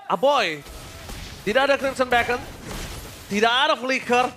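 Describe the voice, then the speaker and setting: A man with an Indonesian accent working as an esports caster, calling a mobile game match in an excited, projected way. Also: very high-pitched, moderate pace, slight background noise.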